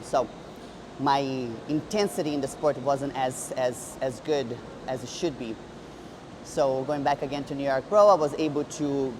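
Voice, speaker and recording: A woman's voice: extremely low pitch, background noise. A woman in her thirties, a bodybuilder and coach, telling her story in an earnest, reflective way with many restarts. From Brazil. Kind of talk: personal storytelling vlog.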